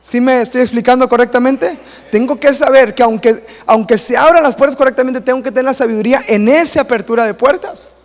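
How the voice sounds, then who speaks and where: A man, a pastor preaching a sermon in a church, lively and acting out quoted voices and little stories. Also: very high voice, fast talker, in a large hall. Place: church hall.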